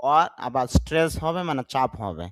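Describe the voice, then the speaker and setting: A man teaches English vocabulary to learners, saying each word, repeating it, spelling it out, and explaining the correct pronunciation in a slow, deliberate pronunciation drill. His mid-range voice has big pitch swings, and there is no echo.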